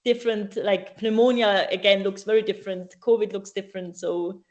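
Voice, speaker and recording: A woman answers questions in a relaxed live Q&A. She hesitates often, filling gaps with ums and breaking off to rephrase. Her pitch sits in an ordinary middle range. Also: normal speed, muffled recording. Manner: hesitant, many ums and restarts. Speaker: speaker at a student AI event.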